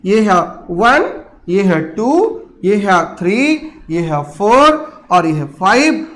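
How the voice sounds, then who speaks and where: Male lecturer, very high pitch, slow deliberate delivery, reads verse aloud and quizzes students. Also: expressive, fairly bright tone. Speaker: English literature teacher. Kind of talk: exam-prep lecture in Hindi and English.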